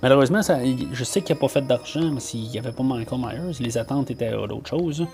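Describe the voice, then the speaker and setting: A man's voice: mid-range voice, brisk, a little mellow, faint music behind. A man with a Québécois French accent hosting a podcast, reviewing a film in casual talk, full of fillers and restarts. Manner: hesitant, many fillers and restarts. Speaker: podcast host.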